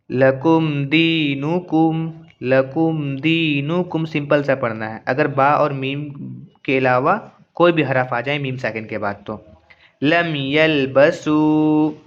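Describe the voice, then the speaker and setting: This is an explanatory lesson on Quran recitation rules, with a man going over each point patiently and more than once, illustrated by slowly recited examples. He has a mid-range voice, captured on a muffled recording.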